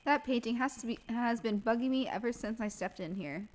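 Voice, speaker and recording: A woman's voice: a little high, brisk, darkish tone, close to an everyday voice, rough recording. A woman voicing a young male defense lawyer in her own voice, reading game narration in a dry, wry manner. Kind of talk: reading game dialogue aloud.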